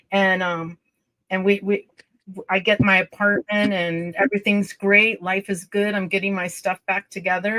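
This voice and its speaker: A woman guest telling a personal story in a livestream interview, earnest and halting, often restarting her sentences. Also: lowish voice, fairly bright tone.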